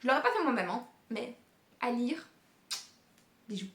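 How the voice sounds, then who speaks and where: A woman's voice: fairly high pitch, big pitch swings, normal speed, fairly bright tone. A young woman talking casually about new books she plans to read, with lots of fillers and frequent laughter. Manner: chatty, many fillers, laughs often. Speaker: book youtuber. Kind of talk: casual book talk. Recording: echoey room.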